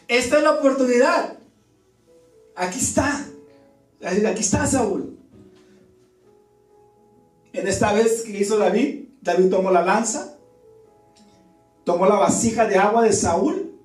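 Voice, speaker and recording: A man preaching a sermon in a church, telling the story in an animated way and acting out the voices in it. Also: high voice. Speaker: pastor. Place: church hall. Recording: echoey church room, far from mic.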